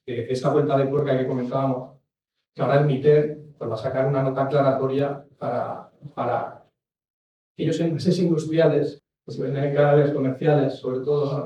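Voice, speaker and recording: A man's voice: medium pitch, warm tone, slight background noise. Man in an echoey room. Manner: rambling, many restarts and asides. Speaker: industry expert. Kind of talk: talk on packaging regulation. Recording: echoey room from far off mic.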